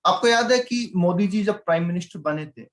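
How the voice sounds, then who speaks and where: A man's voice: sits high, fairly quick. A male teacher giving a chatty lecture, teasing his students and constantly quizzing them. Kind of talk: classroom lecture.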